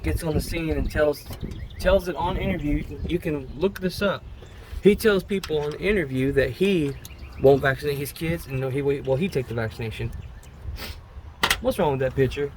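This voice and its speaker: A man chatting casually while working on a truck outdoors, animated and full of slang. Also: a little high, moderate pace, noisy background. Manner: animated, slangy, says "man" and "bro" a lot. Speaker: vlogger working on his brother's truck.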